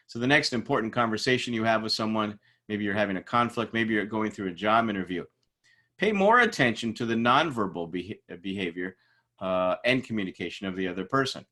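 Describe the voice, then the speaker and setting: A man's voice: lowish voice, a bit bright. A man teaching a recorded lecture in a casual, conversational way, with frequent fillers and restarts.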